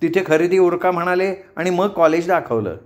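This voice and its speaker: Man putting on a young woman student, excitable, loud, raised pitch, storybook telling. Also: lightly acted. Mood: excited, impatient. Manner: loud, quick, exasperated.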